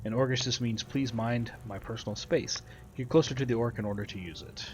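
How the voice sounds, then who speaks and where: Playing through a game, this man chats in an easygoing, matter-of-fact way and reads out the tutorial text as he goes. He speaks fairly quickly at a medium pitch.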